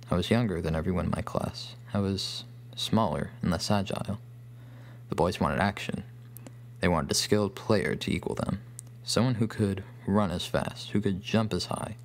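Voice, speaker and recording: Over guitar music, an actor with an American accent narrates a scripted horror story as a solemn, bookish loner remembering his boyhood. His low, creaky voice carries grave, measured phrasing.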